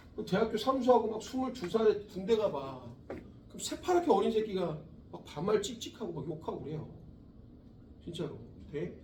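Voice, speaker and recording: Animated man lecturing a class, echoey. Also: high-pitched, a little hiss or hum. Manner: casual and profane, acts out quoted soldiers. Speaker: science lecturer. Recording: echoey room from far off.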